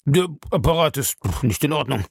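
A man voicing a smooth-talking, evasive male bar owner in an audiobook, lifting his voice higher and giving it a changed tone. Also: lively intonation, normal speed, dry recording, clean studio sound.

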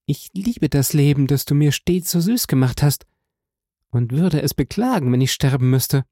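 A man's voice: a little high, normal speed, mellow, no echo, clean studio sound, pitched above the performer's own voice. A man reading aloud voices a devoted young woman who speaks in a tender, pleading, tearful way. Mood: imploring.

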